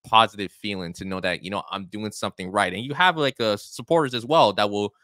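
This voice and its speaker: Recording in a small home studio with a studio mic and headphones, a young man hosts a podcast in a casual interview style. His voice sits on the low side and is a bit bright, and he talks fairly quickly with no room sound. He's chatty and encouraging, often repeating himself.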